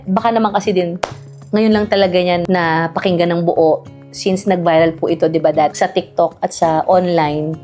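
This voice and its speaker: A woman's voice: medium pitch, warm tone. A woman from the Philippines in her thirties, vlogging in a playful, teasing way, laughing often and mixing in English. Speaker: vlogger, singer. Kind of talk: casual vlog reading comments.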